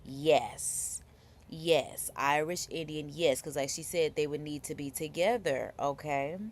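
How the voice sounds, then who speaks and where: An American woman hosting a casual live stream, reading viewer comments aloud and reacting with animated remarks. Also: low-pitched, a little slow. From United States.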